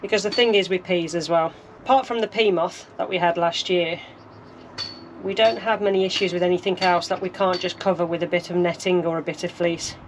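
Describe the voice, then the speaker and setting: A woman's voice: fairly low pitch, steady tone, a little fast, a little hiss or hum. Chatty woman sowing seeds outdoors. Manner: chatty, practical, thinking aloud. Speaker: gardening vlogger. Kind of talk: casual narration while working. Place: allotment greenhouse.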